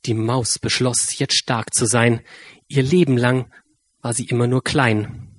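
A man reading a rhyming children's story aloud with a lively, drawn-out delivery. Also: mid-range voice, no room sound.

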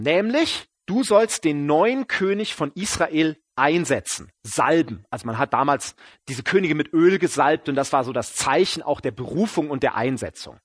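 A man preaching a sermon in a casual, slangy style, acting out what biblical figures say with lively asides. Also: a little high, husky, dry recording, clean studio sound.

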